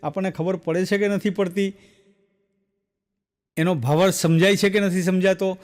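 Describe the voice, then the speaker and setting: High-voiced Gujarati stand-up comedian. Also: male voice, normal speed, big-room sound. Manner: animated, acts out voices in jokes. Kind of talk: stand-up joke telling.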